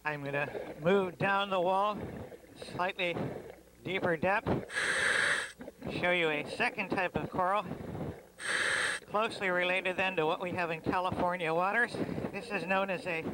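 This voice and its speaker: A man narrating a dive video calmly through a full-face diving mask microphone. He explains what the viewer sees in documentary style. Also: sits high, a little slow, noisy background.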